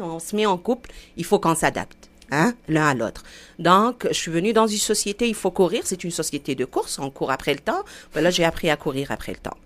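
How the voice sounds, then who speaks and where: A woman from Algeria talks as an interview guest in a voice on the low side for a woman. She stumbles and restarts, then presses forward with lively emphasis. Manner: animated, hesitant, with repeated restarts. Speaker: guest, director of an intercultural association. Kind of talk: conversational interview.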